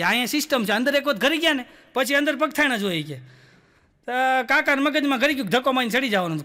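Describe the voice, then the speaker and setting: A Gujarati comedian on stage, spinning joke after joke in a strikingly high, bright and forceful voice. He slips into the characters of his tales and laughs along with his own punchlines. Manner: storytelling, acting out characters with raised pitch and laughing through punchlines. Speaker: stand-up comedian. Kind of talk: stand-up joke telling.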